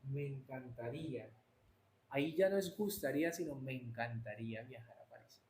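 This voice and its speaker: A man's voice: medium pitch, normal speed, a little mellow. A man teaching an English class live online, answering students by name and switching between Spanish and English. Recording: roomy echo, faint noise.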